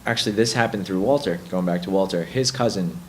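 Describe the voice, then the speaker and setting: Young guy with a really low voice, laid back storytelling, slight room hiss. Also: fast talker, low-quality recording. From Bronx, New York. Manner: relaxed, reflective storytelling with hesitant restarts. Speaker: musician guest. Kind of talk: casual interview chat.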